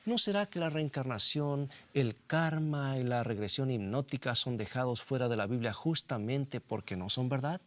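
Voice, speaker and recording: A man preaching a sermon, asking rhetorical questions and slowly repeating scripture for emphasis. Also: mid-range voice, a bit bright, no room sound.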